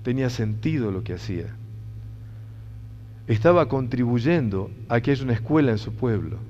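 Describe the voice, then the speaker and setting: A man's voice: mid-range voice, lively intonation, normal speed, mellow. A man with a Rioplatense Spanish accent giving an inspirational talk to an audience, earnest and emphatic, repeating key phrases. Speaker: motivational speaker. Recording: dull sound, long hall reverb.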